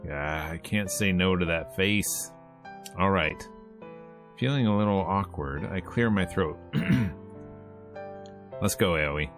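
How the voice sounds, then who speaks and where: A man with a deep, lively voice and a slow pace full of long pauses streams himself playing a game. He reads its text aloud, joking casually and acting out the lines. Game music plays behind him, and the visual novel's music and character voices can be heard.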